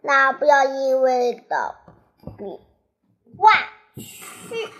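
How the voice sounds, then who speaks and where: Young child telling a story slowly. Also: sits high, huge pitch swings, a bit bright. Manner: slow, halting telling with restarts.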